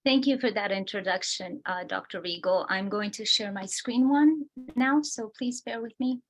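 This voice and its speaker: A woman from Romania giving a measured, explanatory prepared lecture over a video call. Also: mid-range voice. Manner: measured, explanatory, reads from slides. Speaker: guest speaker.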